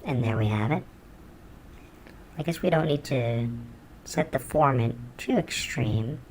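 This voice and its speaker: A man demonstrating music gear, talking through a built-in mic with a formant shift and auto pitch correction, offhand as he works. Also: unhurried, a little hiss or hum. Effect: formant-shifted, auto-pitch-corrected voice through a sampler mic. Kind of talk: casual tutorial talk while recording samples. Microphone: built-in microphone of a groovebox.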